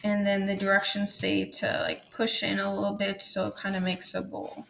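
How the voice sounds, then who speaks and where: A woman's voice: medium pitch, completely flat delivery, normal speed, vocal fry, a bit bright, a little hiss or hum. A woman teacher recording a lesson, giving step-by-step instructions as she demonstrates a hands-on activity at home. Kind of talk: recorded classroom lesson walkthrough.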